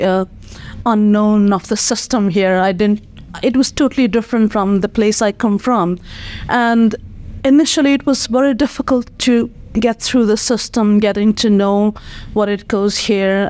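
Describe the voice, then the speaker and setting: A woman's voice: mid-range voice, a little mellow. A young woman from Nepal with a Nepali accent, whose first language is not English, answering interview questions earnestly with many fillers. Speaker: nonprofit executive director.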